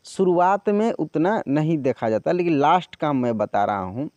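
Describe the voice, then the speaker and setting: A man teaching Hindi reading, saying each word twice in a drawn-out way and then explaining in quick chatty asides. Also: a little high, lively intonation, darkish tone, no echo, dull audio.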